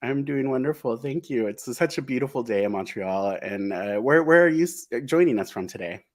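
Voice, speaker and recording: A man's voice: mid-range voice, animated, normal speed, darkish tone. A man hosting a live-streamed interview, upbeat and effusive, with frequent ums and uhs. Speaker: host.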